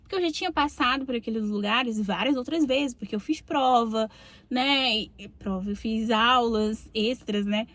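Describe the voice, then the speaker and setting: A young Brazilian woman with a slightly high voice tells a personal story as host of her own podcast. She is chatty and confiding, and often drops in small tag questions to her listeners. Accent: Brazilian Portuguese. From Brazil, Rio de Janeiro state.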